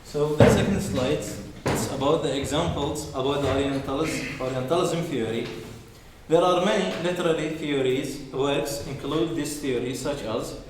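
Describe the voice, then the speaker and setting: Male student from Iraq, mid pitch, plain slide reading, echoey distant classroom audio. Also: normal speed, noisy background. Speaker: student presenter. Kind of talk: class presentation.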